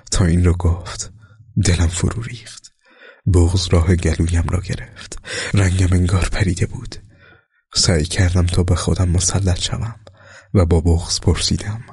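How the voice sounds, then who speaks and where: A man reading war memoirs aloud in a slow, solemn, scripted narration that sometimes sinks to a soft whisper. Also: deep voice, slightly rough, no echo, studio quality.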